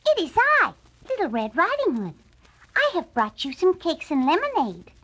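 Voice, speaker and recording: A woman plays a sweet little storybook girl, innocent and wide-eyed. The voice is high and sing-song, with big swoops in pitch. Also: huge pitch swings, moderate pace, a bit bright, full character voice. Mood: cheerful.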